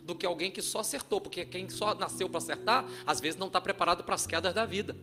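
A man giving a motivational talk to an audience, an expressive storyteller. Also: high-pitched, fast talker. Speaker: motivational speaker.

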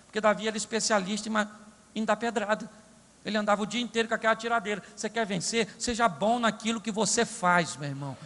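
A man preaches a comic, animated sermon and keeps asking rhetorical questions. His voice sits high, with a bright, gravelly edge. Long reverb rings through the hall behind him. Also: fast talker. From Brazil. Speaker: pastor.

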